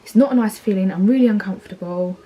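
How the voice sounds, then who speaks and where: A woman's voice: medium pitch, fast, warm tone, breathy edge, muffled recording. A heavily pregnant woman in her thirties with an Essex accent, chatting casually in a vlog, rambling with fillers and restarts and sounding tired. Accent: Essex English. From England. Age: 30s. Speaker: vlogger.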